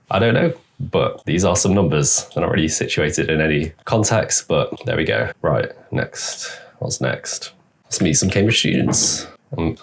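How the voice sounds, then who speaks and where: A man's voice: extremely low pitch, vocal fry. A young man hosting a reaction video, casually commenting on clips with sarcastic asides. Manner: sarcastic, talks back at clips with quick asides.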